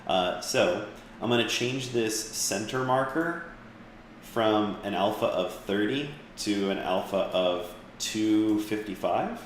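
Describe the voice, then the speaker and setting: A man with a lowish voice walks a class through a software tutorial over a call. He talks loosely, full of "uh" and restarts. His voice rings out in a very echoey room with a faint hiss behind it. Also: slow. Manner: relaxed, rambling, with fillers and restarts. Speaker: instructor.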